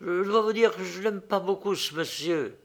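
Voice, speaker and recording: A man's voice: very high-pitched, animated, slow, gravelly, fairly bright tone, pitched above the performer's own voice, exaggerated voice. A man reading an audiobook aloud, voicing a timid young woman who speaks faintly and hesitantly. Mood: shy.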